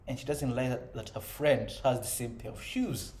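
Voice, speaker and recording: A man in his thirties talks earnestly to young men about self-improvement. His voice sounds mellow and unhurried. The recording sits in an echoey room with a faint ambient hum behind him. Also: medium pitch. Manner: earnest, conversational, frequent "you know" and "right?". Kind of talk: reflective personal monologue.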